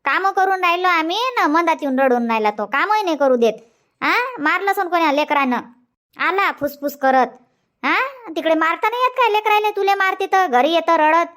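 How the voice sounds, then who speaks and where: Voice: extremely high pitch, expressive, moderate pace, fairly bright tone. An actor voicing a fussy, nagging village grandmother in a cartoon comedy, speaking with a Vidarbha Marathi accent and repeating her questions as she chides.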